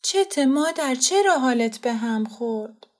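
A gentle, worried mother, soft and caring in tone, her voice lifted slightly higher, as a woman reader plays her. She sounds tired but patient. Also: animated. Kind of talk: audiobook character voice.

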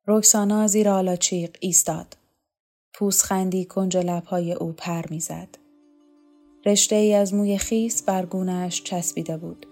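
A woman narrating a novel as an audiobook, in a calm, measured way. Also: on the low side.

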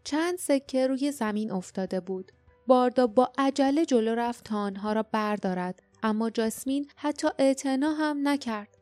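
A woman narrating an audiobook in a steady, measured storytelling manner. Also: fairly high pitch, no room sound, faint music behind. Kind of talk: scripted narration.

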